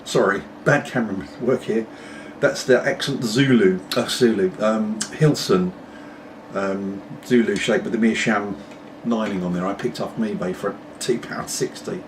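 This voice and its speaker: Low-voiced British man chatting, pipe in mouth. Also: moderate pace. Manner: talking while puffing on a pipe; meandering, apologetic asides. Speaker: pipe-smoking video blogger. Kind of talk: casual rambling chat to camera. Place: at home. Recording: distant mic, clearly noisy background.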